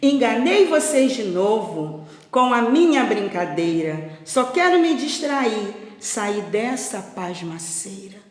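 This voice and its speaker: Brief: woman playing a prankster shepherd boy, very high and loud, long room echo. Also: measured pace. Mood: teasing. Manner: high, shrill cries for help, sing-song. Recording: echoey room with long reverb.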